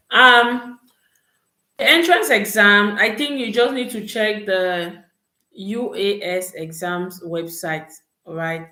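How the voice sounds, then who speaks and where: Her voice a little low and sharp in tone, a young Cameroonian woman hosts a live Q&A on studying abroad. She gives advice and checks in with "okay" and "all right," while the room sounds echoey and open.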